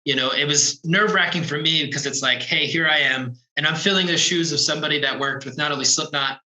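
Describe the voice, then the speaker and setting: A man's voice: a little high, fast, bright, forceful tone, roomy sound, rough recording. A man talking about his touring work in a casual interview, laid-back and rambling, full of fillers, over a video call. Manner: laid-back, rambling, lots of "like" and "you know". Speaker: drum tech on tour, guest.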